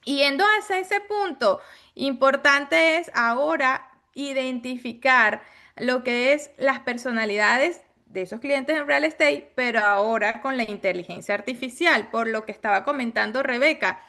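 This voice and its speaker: A woman's voice: high voice, a little slow, bright, forceful tone. A woman in an online real estate mastermind, explaining client personalities in a casual way, with light laughs between points. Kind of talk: casual group discussion.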